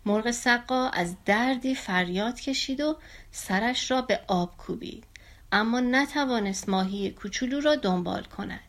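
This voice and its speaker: A woman reads a children's story aloud as a storyteller. Her narration is calm and steady, in a fairly high voice.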